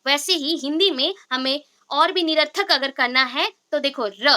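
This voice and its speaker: A woman's voice: high-pitched, moderate pace, pushed and bright. A woman teacher giving a lecture, explaining step by step and quizzing her students with repeated questions. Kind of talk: classroom lecture.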